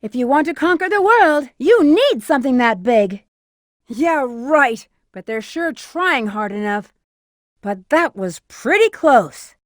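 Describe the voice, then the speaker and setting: Rouge the Bat, very high-voiced sassy game heroine. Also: female voice, very animated, takes it slowly, no room sound, clean studio sound, full character voice. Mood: cool, musing. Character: flirty, cool-headed female bat treasure hunter, adult. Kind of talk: video game voice acting, short in-game hints and callouts.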